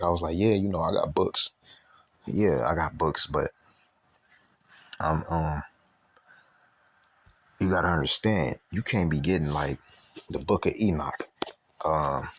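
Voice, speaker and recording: A man giving a casual, rambling Bible study talk in loose street slang with lots of fillers, reading scripture slowly and stumbling over the old words. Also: very deep voice, a bit bright, husky. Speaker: Bible teacher.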